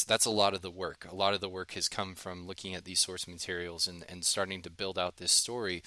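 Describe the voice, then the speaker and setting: A podcast host with a low voice and a bright, forceful tone chats casually and loosely, using lots of filler words. There's no echo.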